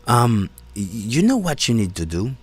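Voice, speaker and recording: A man hosting a live-stream conversation over a call. He talks in a halting way, repeating words and restarting often. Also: mid-range voice, very animated, husky, faint music behind. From Haiti. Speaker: host and community organizer. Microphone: phone or call setup.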